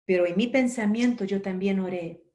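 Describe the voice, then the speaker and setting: A woman from Brazil giving a spiritual lecture, telling a personal story in a gentle, unhurried way with soft asides. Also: medium pitch.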